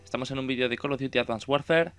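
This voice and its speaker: A man's voice: mid-range voice, racing, a bit bright, clear, resonant tone. A young man with a Spain Spanish accent, commentating his own gameplay casually, swearing and exclaiming at the game. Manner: swearing, exclamatory, self-mocking. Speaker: gaming YouTuber.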